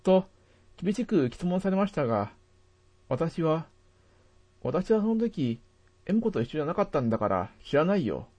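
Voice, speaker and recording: Man, storyteller, scripted narration, measured reading, warm mellow tone, lively pitch.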